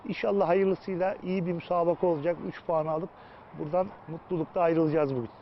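A man speaking as a football coach in a pre-match interview, halting and pausing mid-sentence. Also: fairly high pitch, steady tone, muffled recording.

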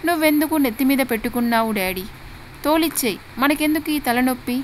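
A woman's voice: high voice, slight background noise, natural voice. A woman doing a scornful young woman. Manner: scolding, quick. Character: sharp-tongued young woman, scornful and loud.

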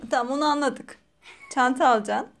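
A woman's voice: high voice, a little fast, vocal fry. A young mother chatting playfully with her toddler, asking teasing, sing-song questions for a family vlog.

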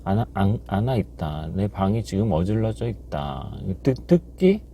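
A man teaching English in a casual podcast lesson, halting with many fillers and slowly repeating practice phrases. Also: lowish voice, lively intonation, mellow, a little hiss or hum.

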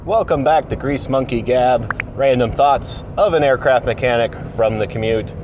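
A man's voice: medium pitch, moderate pace, lo-fi sound, over music. A man in his late thirties, an apprentice aircraft mechanic, talking casually and encouragingly to camera in his car. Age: 30s. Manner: plain-spoken, encouraging, direct. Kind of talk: casual commute vlog. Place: inside a car. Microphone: camera mounted on the dashboard. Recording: car recording with clear road noise. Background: car and road noise.

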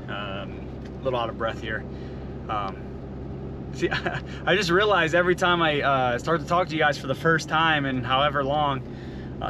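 A man giving a casual vlog update, rambling with many ums and uhs, recorded outdoors and then in his truck. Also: mid-range voice. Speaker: vlogger. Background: outdoor noise, rain.

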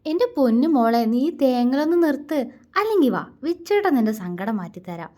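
A woman's voice: sits high, big pitch swings, fairly quick, dark tone. A woman voicing a playful, loving young husband who teases and comforts his wife in a romance story. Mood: tender. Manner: teasing and tender.

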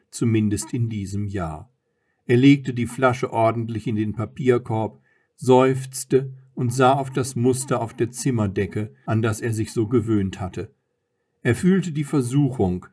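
A man narrating a novel as an audiobook in a calm, measured reading. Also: medium pitch. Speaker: audiobook reader. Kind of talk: scripted narration.

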